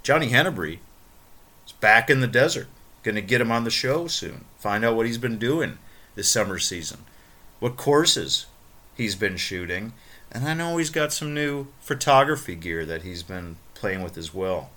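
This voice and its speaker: A man's voice: fairly low pitch, expressive, moderate pace, sharp tone. A man hosting a podcast monologue, talking in a playful, wordy and emphatic way. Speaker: podcast host.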